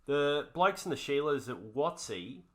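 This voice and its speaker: Man, put-on broad Australian accent, co-host, comedic card review, heavy slang, bright tone. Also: a little high, expressive, unhurried. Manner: jokey, heavy Aussie slang.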